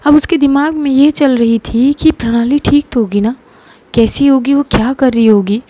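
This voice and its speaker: A woman tells a story in a plain, conversational manner. Her voice sits a little high but has a dark, mellow tone. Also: normal speed, no room sound. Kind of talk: casual story narration.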